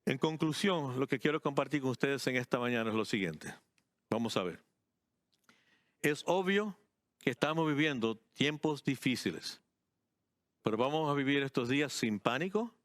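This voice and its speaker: A man preaching a sermon as pastor, emphatic, repeating key phrases and moving between slow, deliberate words and quick bursts. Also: medium pitch, lively intonation, a bit bright, dry recording, studio quality.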